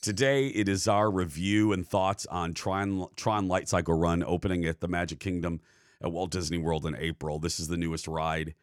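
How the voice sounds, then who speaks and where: Podcast co-host, male, deep voice, dry close mic, easygoing banter with lots of "uh.". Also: fairly even intonation, moderate pace, dry recording. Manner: chatty, laughs easily, frequent fillers. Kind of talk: casual chat.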